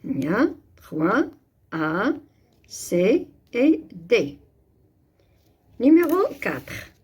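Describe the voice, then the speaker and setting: Slow, husky woman teaching French. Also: medium pitch, very animated, a little mellow. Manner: slow, deliberate, switching between French and Moroccan Arabic. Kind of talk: explaining grammar exercises.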